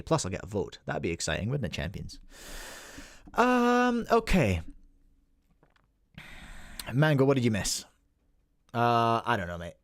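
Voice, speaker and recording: With clean studio sound and a dry recording, a medium-pitched podcast host from Scotland, in his 40s, runs a relaxed livestream. He chats and rambles, greeting viewers by their names.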